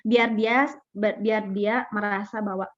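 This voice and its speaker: A woman's voice: medium pitch, flat delivery, slow pace. A young woman giving a casual parenting talk, chatty, with fillers, acting out child and parent voices. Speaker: parenting speaker. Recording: dull lo-fi recording.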